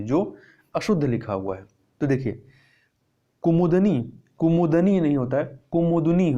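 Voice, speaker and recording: A man's voice: on the high side, dark tone. A male teacher working through exam questions. He explains step by step, repeats the answers and asks and answers his own questions. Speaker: Hindi teacher. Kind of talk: exam prep lesson.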